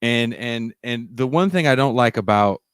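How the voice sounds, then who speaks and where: A man's voice: medium pitch, moderate pace, a bit bright, smooth, no room sound, studio quality. A man talking brashly in casual podcast chat, joking and swearing freely. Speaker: guest.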